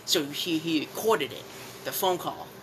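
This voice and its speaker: A young man with a bright, forward voice tells stories in a loose, casual chat. He laughs easily and swears freely as he goes. A faint hiss of room noise sits under him. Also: fairly high pitch, measured pace, poor audio. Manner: laughs often, swears casually, animated retelling. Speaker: podcast guest.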